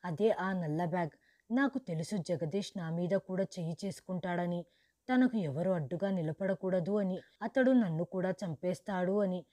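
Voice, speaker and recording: A woman narrating a storybook in the first person as a grieving, widowed mother who lost her wealth, in a steady, measured reading. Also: lowish voice, no echo, close to an everyday voice. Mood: sorrowful.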